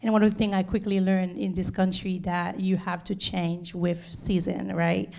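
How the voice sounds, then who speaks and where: A middle-aged Haitian nurse and home care leader gives an earnest community presentation in a Haitian accent. Her voice sits on the low side, with a darkish tone, vocal fry, and a flat delivery at normal speed, and she often says "um" and repeats words.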